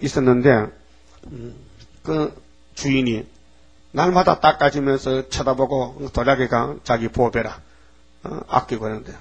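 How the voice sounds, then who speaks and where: Man, pastor, sermon, animated storytelling, rhetorical questions, solemn scripture reading, muffled lo-fi recording. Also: medium pitch, husky. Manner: reads scripture slowly and solemnly.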